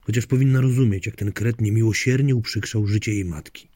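A man's voice: fairly low pitch, fairly even intonation, brisk, mellow, no echo. A man narrating a story in a wry, dry storytelling manner. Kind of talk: audiobook narration.

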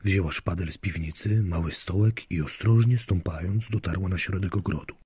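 A man's voice: sits low, normal speed, mellow, breathy edge, no echo. A man narrating a story in a wry, dry storytelling manner. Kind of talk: audiobook narration.

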